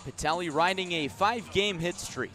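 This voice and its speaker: A man's pushed, bright voice carries live baseball play-by-play on the radio, measured and detailed, rising with each pitch while faint music sits behind him.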